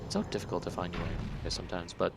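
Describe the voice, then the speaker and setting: A man's voice: deep voice, little pitch movement, racing, gravelly, heavy background noise. A man giving casual, sweary commentary while he plays a game, joking with viewers. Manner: sweary, jokey, chatting to viewers while playing. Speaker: let's play host. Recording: voice over loud game sounds.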